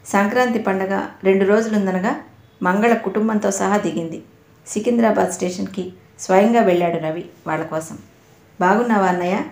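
A woman narrating an audio novel in a measured, even storytelling manner. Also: mid-range voice. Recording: roomy echo.

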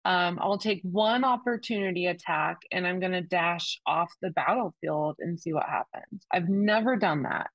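A woman's voice: lowish voice, normal speed, hardly any pauses, a bit bright, no echo, highs cut off. A woman playing a tabletop game, thinking aloud with fillers and hesitations. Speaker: player. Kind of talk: tabletop game play, casual.

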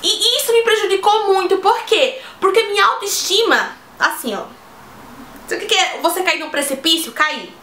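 A woman's voice: very high-pitched, animated, normal speed, pushed and bright. An eighteen-year-old woman, telling a personal story in a chatty vlog and speaking straight to her viewers. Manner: chatty, addresses viewers directly, earnest. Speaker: vlogger. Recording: roomy echo with faint music.

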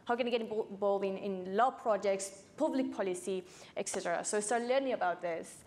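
A young climate activist, nineteen, from Santiago, Chile, speaks briskly in a mid-range, slightly mellow voice while sharing a personal story on an indoor panel stage. Spanish is her native language, she has a Chilean accent, and her conversational talk is captured with a lapel mic.

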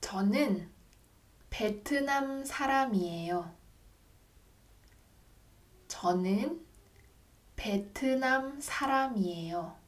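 A young woman teaching a language, saying short model phrases slowly and clearly for learners to repeat, recorded in a small room on a desk camera. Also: on the high side, animated. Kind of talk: slow, clearly articulated lesson drills.

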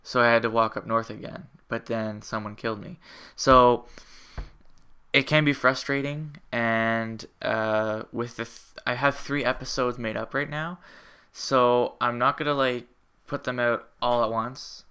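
A young man talks through a casual update on his gaming channel from home. His voice is bright and crisp, and he rambles with frequent fillers, self-corrections and half-finished sentences. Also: medium pitch, steady tone, a little slow. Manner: rambling, hesitant, many fillers and restarts.

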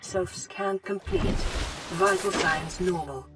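A woman voicing a calm, caring female suit computer in a game, with a smooth synthetic robot voice giving gentle, even advisory announcements. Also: on the low side, slow pace. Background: loud game music.

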